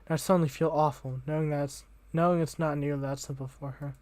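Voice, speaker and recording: A man's voice: a little high, fairly even intonation, quick pace, a little mellow, dry recording. A young man reading a visual novel aloud as the channel host, casual and slangy, tripping over words now and then.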